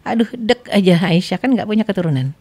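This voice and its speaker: A woman's voice: medium pitch, brisk, breathy edge. A middle-aged woman, a religious teacher on a podcast, telling stories and acting out the dialogue with animation. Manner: animated storyteller quoting dialogue.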